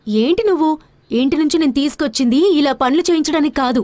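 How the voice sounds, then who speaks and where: A woman's voice: high voice, fast, a little mellow, no echo, close to an everyday voice. A woman playing an earnest, emotional young mother and wife in a dubbed film, with a film score playing behind her. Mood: teasing. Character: devoted young mother haunted by loss.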